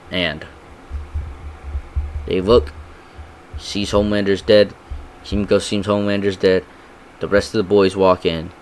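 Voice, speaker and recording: Young man, deep voice, slangy, excited recap, faint background noise. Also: low-quality recording. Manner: slangy and excited, with sound effects. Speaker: TV reviewer. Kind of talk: casual episode recap.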